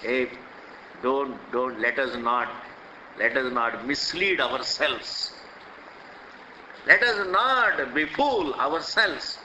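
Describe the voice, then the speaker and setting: A man's voice: mid-range voice, expressive, slow, pauses often, background noise. An older man with an Indian accent giving a spiritual discourse, emphatic and repetitive, full of rhetorical questions, recorded in an echoey hall. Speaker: swami teaching scripture.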